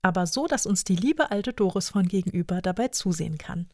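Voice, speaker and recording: A woman reading a bold, sharp-tongued young wife. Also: fairly low pitch, animated, no room sound, studio quality. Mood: spirited. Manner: spirited, quick retorts.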